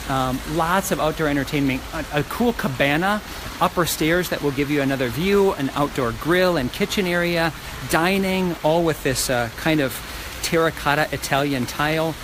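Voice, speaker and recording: A man working as a real estate agent, chatting casually and with enthusiasm to live viewers as he walks through a house tour. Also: a little high. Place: walking through a large house and its outdoor areas. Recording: noisy live phone video, ambient traffic noise.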